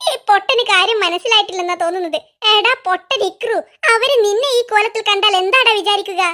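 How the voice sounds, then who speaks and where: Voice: extremely high pitch, quick pace, pushed and bright. A voice actor playing a mischievous cartoon boy who teases his friend and keeps giggling. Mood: teasing. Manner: teasing, giggly. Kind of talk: cartoon voice acting.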